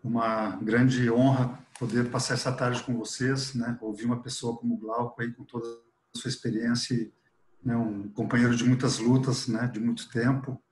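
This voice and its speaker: A man's voice: mid-range voice, flat delivery, moderate pace. A middle-aged man from Chile, a professor speaking unscripted and earnestly on a video call with a headset, dropping frequent fillers. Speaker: professor, webinar panelist. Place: office with artwork behind. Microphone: earphone headset on a video call. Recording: echoey room on a video call.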